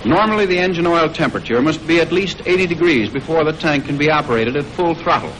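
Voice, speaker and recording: A somewhat noisy old soundtrack carries the voice of an American man narrating a 1940s military training film. His pitch is fairly high and his tone animated and a bit bright, yet he keeps a formal, measured pace suited to scripted instruction.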